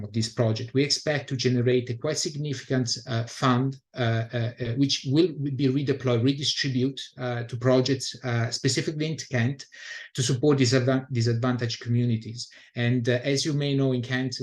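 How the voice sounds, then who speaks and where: A man's voice: mid-range voice, a little mellow. Hesitant Italian-accented man on a webinar. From Italy. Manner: hesitant, many fillers and restarts. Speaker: community energy director. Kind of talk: webinar presentation. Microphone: video call.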